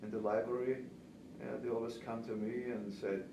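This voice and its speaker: In a distant, noisy, roomy recording, a man in his seventies with an Austrian accent answers interview questions conversationally. A native German speaker, he is a veteran pastry chef and cake instructor. His mid-range voice is flat in delivery and normal in speed.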